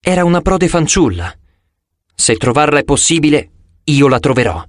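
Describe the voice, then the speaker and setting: A man voicing a calm, gentle goddess who speaks slowly and formally in an audiobook. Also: a little high, no room sound, clean studio sound. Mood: solemn. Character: young-looking goddess, calm, gentle and ancient.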